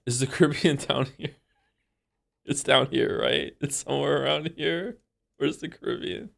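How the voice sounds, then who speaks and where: A gravelly, fairly bright voice, also congested, belongs to a game streamer of about forty chatting casually live. He rambles with many fillers and restarts, low-key and mildly self-mocking.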